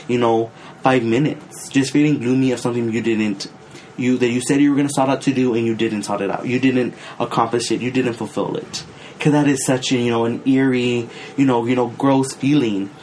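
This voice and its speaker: A man's voice: medium pitch, a little mellow, slight background noise. A young man co-hosting a casual talk, speaking reflectively to viewers with many fillers.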